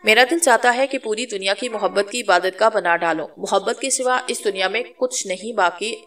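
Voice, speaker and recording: A woman's voice: mid-range voice, fairly bright tone, recorded from a distance, lightly acted. A woman voicing a cheeky, lovesick young woman who teases and talks crudely. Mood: dreamy. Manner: teasing, crude, playful.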